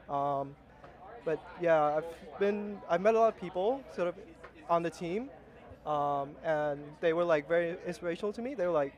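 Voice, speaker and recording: A man's voice: a little high, a little mellow. A young man from Vietnam, a rocketry team's flight simulation lead, talking casually outdoors at a launch site with many fillers and restarts. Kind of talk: casual interview.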